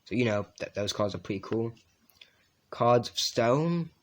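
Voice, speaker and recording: A man casually reviewing a trading card deck, reading card names aloud and adding quick asides with fillers. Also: medium pitch, lively intonation.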